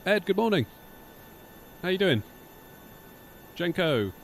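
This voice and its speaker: A man's voice: high voice, big pitch swings, slow. A man chatting casually as he livestreams a flight simulator. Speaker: flight sim streamer. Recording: clearly noisy, humming background.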